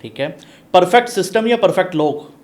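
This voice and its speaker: Brisk, fairly high-voiced male podcast host. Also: expressive. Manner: brisk questioner with short affirming replies. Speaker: podcast host, business coach. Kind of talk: casual podcast interview, quick-fire questions.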